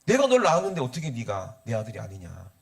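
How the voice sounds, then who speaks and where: Man putting on a gruff tender old dad, low and soft, gravelly. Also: huge pitch swings, fast. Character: loving old father, forgiving and fond.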